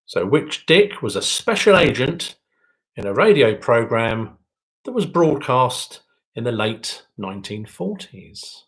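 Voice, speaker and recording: This male quiz host has a medium-pitched, fairly bright voice with big swings in pitch, captured on a low-quality recording. Reading questions and answers, he lets his sing-song delivery rise on each question, repeats it slowly, and makes dry, witty asides.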